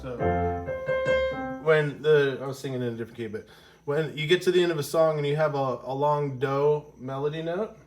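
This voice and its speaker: His fairly high-pitched voice sounds congested from a cold as he moves at a moderate pace through a casual music lesson. Full of ums, the man rambles and keeps correcting himself along the way.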